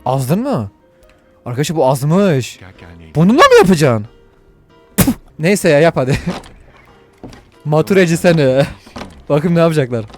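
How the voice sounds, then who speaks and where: A man giving joking, excitable and profane commentary while playing a video game. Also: on the high side, unhurried, long pauses, faint music behind. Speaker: gaming YouTuber.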